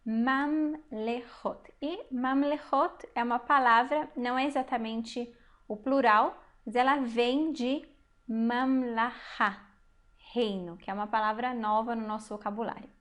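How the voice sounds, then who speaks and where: A woman teaching a recorded Hebrew lesson, patiently explaining step by step, asking the learner questions and sounding out words slowly. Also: fairly high pitch, fairly even intonation, fairly bright tone.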